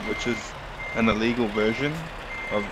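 A man's voice: on the low side, level tone, moderate pace. Thirty-year-old man explaining over noisy chat. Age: 30s. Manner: patient, explains things step by step. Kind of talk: casual voice chat while gaming.

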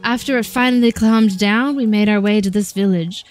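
A woman's voice: medium pitch, steady tone, moderate pace, faint music behind. A young woman casually chatting and giggling while streaming a video game, sometimes reading in-game dialogue aloud.

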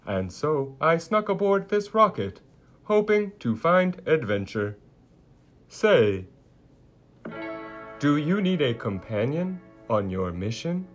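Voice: medium pitch, big pitch swings, slow, pauses often, soft background music. A voice actor playing a polite, lonely stowaway robot in a cartoon, talking in a stiff, formal robot voice. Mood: wistful. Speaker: robot character. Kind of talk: cartoon voice acting.

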